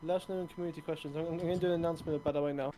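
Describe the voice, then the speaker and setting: A man's voice: a little high, steady tone, racing, warm tone, slight background noise. A young man co-hosting a casual game-development chat on a call, rambling and self-deprecating with many restarts. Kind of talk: casual chat over gameplay.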